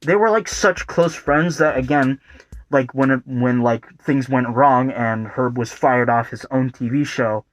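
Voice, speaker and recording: A man's voice: medium pitch, a little slow, dry recording. A young man talking casually in a rambling video commentary, full of fillers and swearing. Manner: rambling, lots of fillers and profanity. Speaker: video essay host. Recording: faint guitar music behind.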